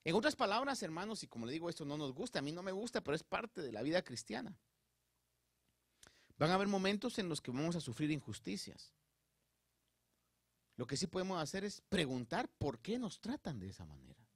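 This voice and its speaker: A pastor's Spanish sermon comes through dry and clean, like a studio recording. His voice is on the high side and slightly rough, fairly quick yet broken by long pauses. He addresses the congregation head-on with regular check-ins and an animated, preacherly rise in emphasis.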